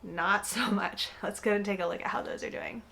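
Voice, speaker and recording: Slightly congested from a cold, a young woman explains gardening in a chatty, casual vlog full of fillers. Her mid-range voice is a little fast, creaky and a bit bright, with slight background noise. Filming happens indoors, plus some segments out in a garden.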